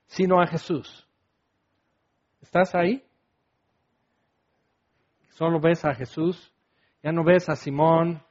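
A man preaching a sermon, animated and acting out scenes, then sinking into soft prayerful tones. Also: high-pitched. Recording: dull lo-fi recording.

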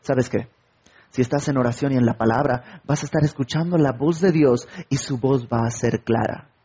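A man's voice: medium pitch, moderate pace, dark tone, breathy edge, highs cut off. A man preaching a sermon, asking his listeners questions and acting out little everyday conversations. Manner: rhetorical questions and acted-out everyday dialogue.

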